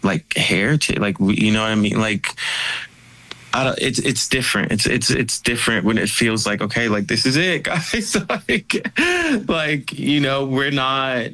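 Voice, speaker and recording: A man speaking as a guest in a casual interview, expressive and animated, with many "like" fillers. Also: mid-range voice, unhurried, poor audio. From United States.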